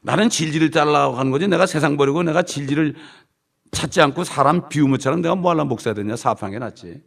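A man's voice: on the high side, fast. A man preaching a sermon with emphasis. He stretches out repeated phrases and drops to a mutter at the ends of lines. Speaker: pastor. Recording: distant gravelly room recording.

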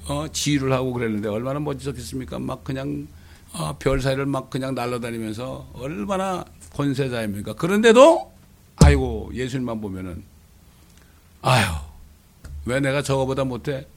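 A middle-aged male pastor preaching a sermon, animated, often tossing "eh?" to the congregation. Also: medium pitch, fairly quick, creaky. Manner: animated, rhetorical questions, frequent "eh?" asides.

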